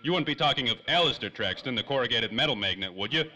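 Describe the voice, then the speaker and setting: A man with a bright, forceful, medium-pitched voice talks fast and expressively, playing a hardboiled, wisecracking private eye in a 1930s-style radio drama. His clipped tough-guy lines come across wry and tough.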